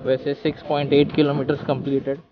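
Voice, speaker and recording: A motovlogger with an Indian accent gives casual, informal vlog commentary, mixing Hindi and English, while riding a scooter outdoors on rural trails and roads. His voice is medium-pitched, level, and unhurried, and the slightly dull outdoor recording picks up vehicle noise.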